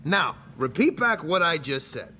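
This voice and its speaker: A man's voice: on the high side, big pitch swings, a little slow, pushed and bright, a little hiss or hum, heavily acted. An actor playing a cocky, impatient male space raccoon in a film scene, bossing others around. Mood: bossy. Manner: bossy, impatient, exasperated. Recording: film clip with sound effects and score.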